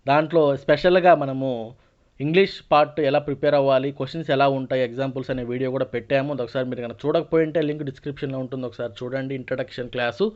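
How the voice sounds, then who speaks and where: Higher-pitched Telugu-accented man teacher mixing in English. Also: darkish tone. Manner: mixes Telugu with many English words. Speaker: online exam-prep teacher. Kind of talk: explanatory online lesson. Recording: dull, lo-fi voice recording.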